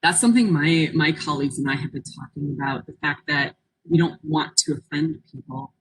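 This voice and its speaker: A woman with a low, husky voice leads an interactive webinar. She speaks in an encouraging, reflective way and often invites her listeners to join in. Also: fairly quick, low-quality recording. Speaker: workshop presenter. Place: online conference call.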